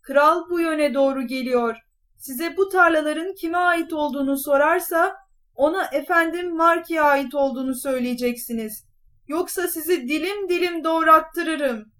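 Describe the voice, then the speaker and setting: A woman's voice: a little high, moderate pace, close to an everyday voice. A woman voicing a clever, scheming talking cat in boots in a storybook reading, bold and courtly in manner. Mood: threatening.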